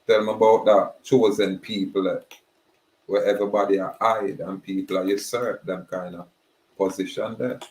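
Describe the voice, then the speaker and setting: A man giving a slow, emphatic preaching monologue. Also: on the low side, a little hiss or hum. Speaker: spiritual speaker. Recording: roomy echoey recording.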